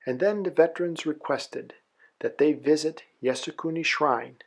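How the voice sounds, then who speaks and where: Husky man narrating a documentary. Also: fairly high pitch, normal speed. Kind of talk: scripted narration.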